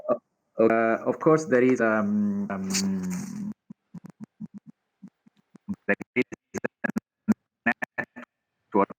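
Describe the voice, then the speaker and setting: A man on a panel, speaking over a video call whose audio keeps freezing and breaking up, halting with many fillers. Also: on the low side, poor audio. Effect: choppy video-call audio that freezes and breaks up. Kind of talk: remote panel discussion.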